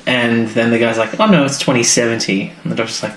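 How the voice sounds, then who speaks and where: Reviewing a TV serial on a podcast he co-hosts, this man talks fast in a steady, mid-range, slightly bright voice, rambling casually and letting thoughts trail off unfinished. Background noise and echo come through the room.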